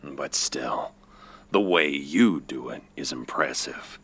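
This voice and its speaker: Man, very low voice, slow, bright tone, deadpan. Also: breathy edge.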